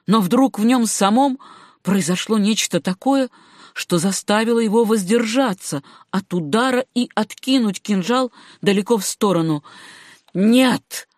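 Audiobook narrator: woman, measured and even, dry close recording. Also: mid-range voice, dry recording.

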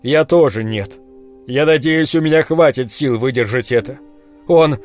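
A man's voice: medium pitch, measured pace, a little mellow, faint music behind, natural voice. A man reading an audiobook, voicing a shaken priest who is close to tears. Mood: distressed. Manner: strained, near tears. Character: shaken tearful male priest.

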